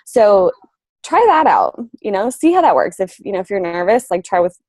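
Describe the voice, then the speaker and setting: A woman's voice: mid-range voice, big pitch swings, normal speed, darkish tone, dry recording. A woman in her thirties, a coach on a casual team call, rambling with lots of fillers and frequent laughs.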